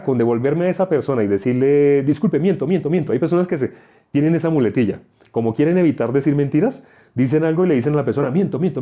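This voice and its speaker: A man's voice: medium pitch, mellow. A male preacher giving a sermon, repeating phrases for emphasis and asking rhetorical questions.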